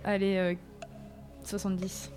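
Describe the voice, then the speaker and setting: A woman playing along in a casual sports quiz, chatty and quick to laugh. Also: medium pitch, completely flat delivery, a little mellow, faint music behind. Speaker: panelist.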